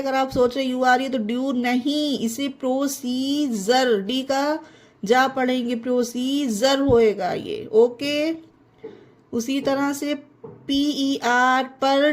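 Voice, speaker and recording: A high-pitched woman gives an online English pronunciation lesson. She spells each word letter by letter, then explains the rule to her viewers as friends. She speaks at a very slow, deliberate pace.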